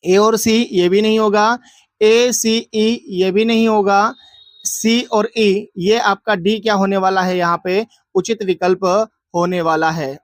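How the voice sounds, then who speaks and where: High-voiced man teaching, dry sound. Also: dry recording. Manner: repeats questions and answers them himself, drilling style. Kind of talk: exam answer walkthrough lesson.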